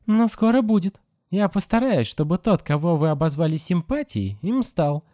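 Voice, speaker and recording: A man's voice: sits high, big pitch swings, normal speed, mellow, dry recording, clean studio sound, pitched above the performer's own voice. A man voicing a bold, defiant teenage girl who talks back to her caretaker. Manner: defiant, insolent.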